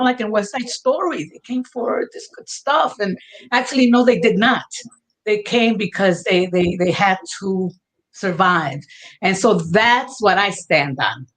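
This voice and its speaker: A woman's voice: medium pitch, normal speed. A woman from Brooklyn with a New York Puerto Rican accent, speaking heartfelt in a panel discussion and mixing Spanish phrases into her English. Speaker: panel guest.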